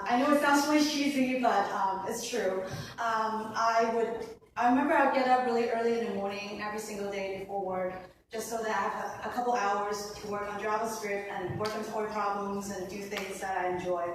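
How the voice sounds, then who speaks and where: A woman in her thirties, originally from Hong Kong, giving an earnest personal speech as a new apprentice at an event, with many ums. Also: on the high side. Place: event hall. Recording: echoey room, mic far off, background noise.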